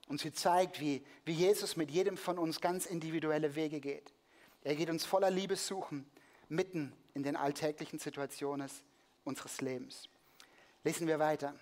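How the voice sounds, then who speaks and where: A preacher giving a lively sermon in a church, telling a Bible story, joking with the congregation and acting the scene out with a prop. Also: medium pitch.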